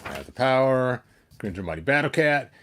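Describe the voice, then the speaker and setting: A man's voice: medium pitch, lively intonation, a little fast, close to an everyday voice. Man doing He-Man, a grandiose storybook hero. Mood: proud, triumphant. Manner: grandiose, declamatory. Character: heroic muscular male storybook champion, proudly proclaiming.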